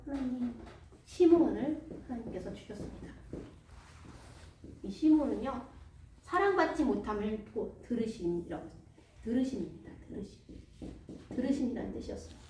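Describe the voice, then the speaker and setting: Woman church storyteller, animated, recorded from a distance with a faint hiss. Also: fairly high pitch. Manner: lively, asks the listeners questions. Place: church hall. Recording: echoey hall, distant mic, faint noise.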